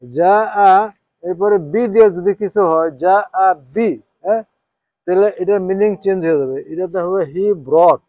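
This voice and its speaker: High-voiced man teaching a class. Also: moderate pace, warm tone, no echo. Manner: checks with students, asks "হ্যাঁ?" often; switches between Bengali and English, spells Arabic out. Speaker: Quran teacher. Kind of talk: informal class lesson.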